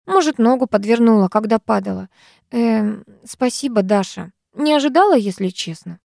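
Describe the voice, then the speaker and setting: A woman's voice: fairly high pitch, animated, normal speed, gravelly, a little mellow, no echo, clean studio sound. Vita, a woman doing a shy teenage schoolgirl. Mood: timid.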